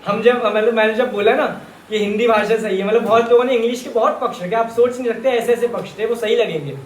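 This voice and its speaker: A man's voice: extremely high pitch, fast. A man from Rajasthan teaching Jain scripture to a live audience in a chatty, joking way, often calling his listeners brother. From Rajasthan, India. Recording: echoey hall with faint ambience.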